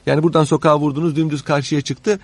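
A man explaining history in conversation as an expert guest, haltingly, pausing mid-sentence and rephrasing as he goes. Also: fairly high pitch, level tone, dry recording. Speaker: interviewed guest, expert on old Istanbul.

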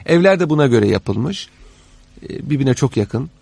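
A man explaining history in conversation as an expert guest, haltingly, pausing mid-sentence and rephrasing as he goes. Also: mid-range voice, sing-song, gravelly, a little mellow, breathy edge, no room sound. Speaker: interviewed guest, expert on old Istanbul.

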